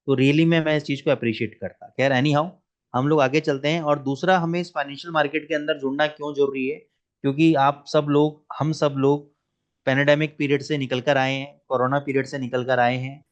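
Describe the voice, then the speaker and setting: A man gives a trading lecture in an online webinar, earnest and persuasive. He keeps checking in with his listeners as he goes. The call audio is dull and lo-fi. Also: mid-range voice. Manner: earnest, persuasive, many "theek hai na" asides. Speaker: trading trainer.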